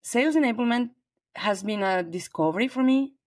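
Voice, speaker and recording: Chatting over a remote call as a podcast guest, this fortyish woman from southern Spain has a Spanish accent and a fairly high, animated, brisk voice. She's talkative, warm and expansive, using lots of fillers in a conversational interview recorded clean with no echo.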